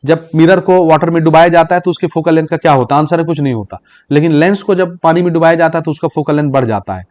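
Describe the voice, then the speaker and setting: A man's voice: fairly high pitch, a little mellow. A man teaching an exam-prep physics lesson, mixing Hindi with English terms and often checking "okay?" with his students. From Chhattisgarh, India. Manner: explains in Hindi mixed with English terms, repeating "ठीक" to check understanding; reads English exam questions slowly aloud.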